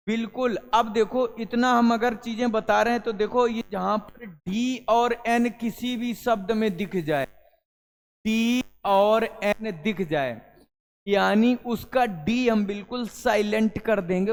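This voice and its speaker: A man's voice: high voice, long reverb tail. A male English teacher gives a classroom lesson, calling students "beta" and answering his own questions.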